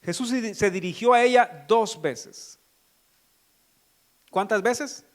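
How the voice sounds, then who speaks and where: High-voiced man preaching a sermon. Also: takes it slowly. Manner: preaching with rhetorical questions to the congregation. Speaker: pastor.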